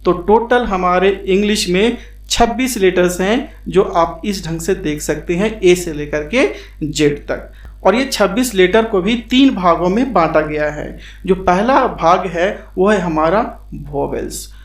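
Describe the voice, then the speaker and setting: A man teaching English grammar in a slow, repetitive lesson, posing questions and then answering them himself. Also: sits high. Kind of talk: explanatory classroom lesson. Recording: echoey room.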